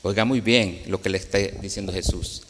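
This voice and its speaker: A man with a Latin American Spanish accent preaches a sermon in a church, addressing the congregation earnestly and directly. His low voice moves at normal speed, with slight background noise and the long reverb of an echoey hall.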